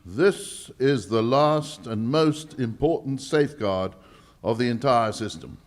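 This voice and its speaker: An actor playing a proud, easily exasperated English lord in charge of a bank vault, speaking formally in a 1940s radio drama style. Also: male voice, medium pitch, expressive. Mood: formal explaining. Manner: emphatic, deliberate, formal, slightly halting. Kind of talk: 1940s radio drama acting, performed live.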